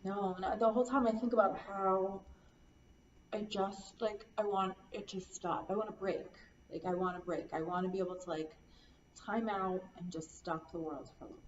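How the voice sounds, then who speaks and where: A woman playing a counseling client, talking in a halting, weary, despondent way and repeating herself. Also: medium pitch, fairly even intonation. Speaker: role-play client in a counseling practice session. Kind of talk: acted counseling role-play. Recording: echoey room, distant dull mic, faint hiss.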